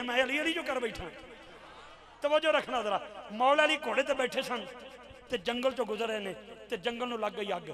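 A man with a very high voice gives a devotional address at a live religious gathering. He shifts between quiet storytelling and loud, shouted chanting, and a crowd can be clearly heard behind him. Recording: live event with crowd noise.

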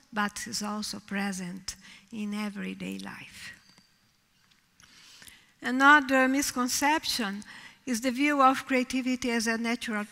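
An older woman with a Brazilian Portuguese accent gives a measured keynote lecture at a podium microphone, her line ends trailing off softly. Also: on the high side, gravelly. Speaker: keynote speaker. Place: large lecture hall. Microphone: podium microphone on a stand. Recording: reverberant hall, heard from a distance.

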